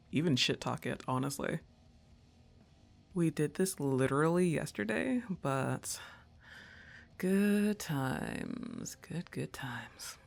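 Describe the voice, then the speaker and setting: Here a woman fully commits to a character voice, very deep and gravelly, as a laid-back goth roommate who teases her crush. It's an intimate ASMR roleplay, delivered in an easygoing, conversational way.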